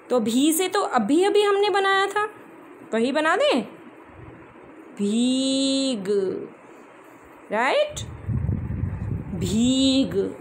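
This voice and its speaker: A woman teaching young children, reading words slowly syllable by syllable and mixing in words. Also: high-pitched, slight background noise, low-quality recording. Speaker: primary school teacher. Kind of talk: slow classroom lesson.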